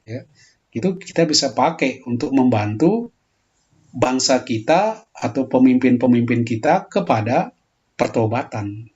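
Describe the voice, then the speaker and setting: A man lecturing calmly in a pastoral theology talk, answering a question, and lifting his voice when he acts out quoted prayers. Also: medium pitch, unhurried, pauses often, lo-fi sound. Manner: explains calmly, voicing heated quoted prayers more loudly.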